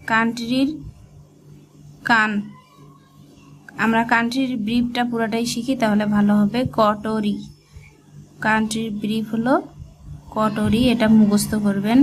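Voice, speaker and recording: A woman teaching a shorthand lesson, spelling each word slowly letter by letter as she writes. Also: fairly high pitch, a little hiss or hum. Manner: slow, spells words letter by letter. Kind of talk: step-by-step dictation lesson.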